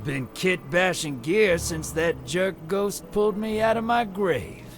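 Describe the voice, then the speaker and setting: An actor playing a sly, folksy rogue gambler in a video game, with a drawling, wheedling, theatrical delivery. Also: male voice, high voice, a little slow. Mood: sly, playful. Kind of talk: video game character acting. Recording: faint music behind the voice.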